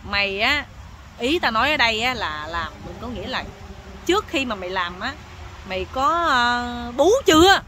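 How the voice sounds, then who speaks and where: A woman's voice: fairly high pitch, big pitch swings, moderate pace, sharp tone, slight background noise. A woman doing a bossy, nosy old village uncle with a Southern Vietnamese accent. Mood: scolding. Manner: scolding, bossy, exclaiming.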